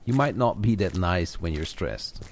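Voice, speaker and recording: A man with a low voice guides one listener through a walking audio session as a coach, expressive and a little slow, in a conversational style. The clear recording includes added outdoor walk effects: footsteps, garden birds and general ambience.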